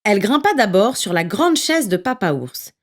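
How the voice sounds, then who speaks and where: A woman narrating a children's story in an expressive, lively reading voice. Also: medium pitch, moderate pace.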